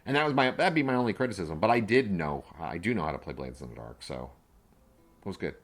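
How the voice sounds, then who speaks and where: Deep-voiced rambling man, animated. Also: quick pace, a little hiss or hum. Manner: rambling, lots of fillers and restarts. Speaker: podcast co-host and game master. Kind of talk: casual chat.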